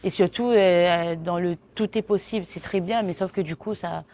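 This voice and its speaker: A woman's voice: lowish voice, fairly even intonation, moderate pace, a little mellow, a little hiss or hum. A woman from La with a lisp that makes her s slushy, chatting informally as an interview guest and thinking aloud. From La Réunion. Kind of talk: casual chat.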